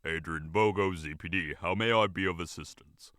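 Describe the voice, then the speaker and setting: A man voicing a gruff male buffalo police chief with a deep, clipped delivery. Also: normal speed, fairly bright tone, dry recording, clean studio sound. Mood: formal.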